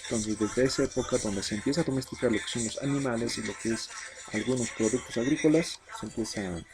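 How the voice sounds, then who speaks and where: A man's voice: quick pace, over music, low-quality recording. A man from Bolivia teaching an Aymara vocabulary lesson, patiently saying each word, often checking in with "¿no?" and "¿ya?". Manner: says Aymara words louder and higher, then the Spanish meaning.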